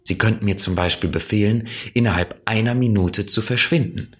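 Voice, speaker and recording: A man's voice: lowish voice, fairly quick, pitched above the performer's own voice, natural voice. A man voicing an earnest little boy prince. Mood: polite. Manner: earnest, wondering, gentle.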